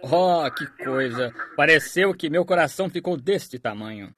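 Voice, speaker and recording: A man preaching a sermon, telling a testimony as a story and then praying slowly and earnestly. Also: a little high, expressive, fairly bright tone, breathy edge, no echo, studio quality.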